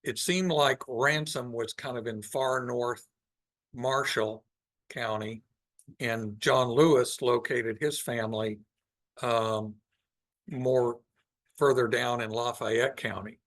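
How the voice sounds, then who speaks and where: A man giving an informal slide presentation to a live audience in a meeting room. He thinks aloud and pauses often as he goes. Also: medium pitch, steady tone, a bit bright.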